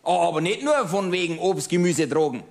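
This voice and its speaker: A man's voice: sits high, animated, brisk, voice pushed up. A cabaret comedian playing a bigoted, middle-aged Bavarian man who rants smugly and keeps asking "verstehst?", speaking with a Bavarian accent. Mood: smug ranting. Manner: ranting, self-satisfied, keeps asking "verstehst?". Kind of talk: cabaret monologue.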